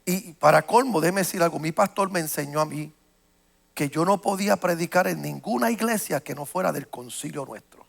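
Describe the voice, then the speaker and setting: A male pastor preaching a sermon, telling a personal story with frequent restarts and repeated words, and growing animated as the story builds. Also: fairly high pitch, fairly quick, creaky. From United States.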